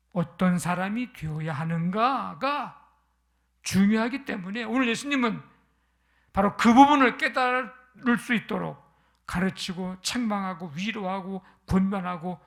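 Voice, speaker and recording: Gravelly-voiced pastor preaching a sermon. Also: mid-range voice, a bit bright. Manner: retells scripture as a story with rhetorical questions. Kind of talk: Sunday sermon.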